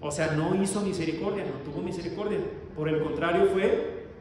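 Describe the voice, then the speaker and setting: A man's voice: high-pitched, fairly quick, a little mellow, slight background noise. A man preaching a sermon, reading verses aloud and asking the congregation questions as he explains them. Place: church hall. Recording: echoey church hall, distant mic.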